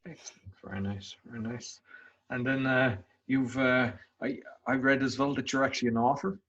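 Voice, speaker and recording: A man hosts a podcast interview in an easygoing, unscripted manner. His voice sits at a medium pitch. He mostly reacts briefly and then asks open questions. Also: fairly even intonation, normal speed, a bit bright, dull audio. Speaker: podcast host. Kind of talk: casual interview hosting.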